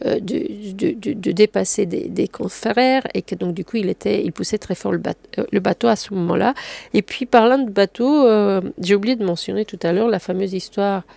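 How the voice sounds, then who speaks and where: A woman with a French accent hosting a casual sailing news roundup, talking fast with many fillers and restarts. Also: mid-range voice, creaky, dark tone, no echo. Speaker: sailing news video host.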